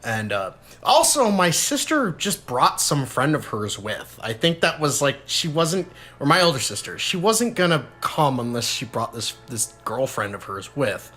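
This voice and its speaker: A young man, a podcast host, telling a story in casual chat, animated and swearing, breaking into high shouts when he quotes someone. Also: a little slow, hardly any pauses. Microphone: podcast mic, low-quality audio.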